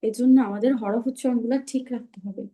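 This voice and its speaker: A woman's voice: on the high side, fairly even intonation, fast talker, warm tone. A woman teaching Quran recitation in an online class. She explains patiently and keeps checking that her students understand.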